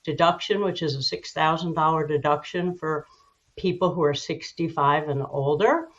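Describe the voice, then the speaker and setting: A woman giving measured, informative, slightly halting explanations as an expert guest in a broadcast interview. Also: low voice, fairly bright tone, dull audio.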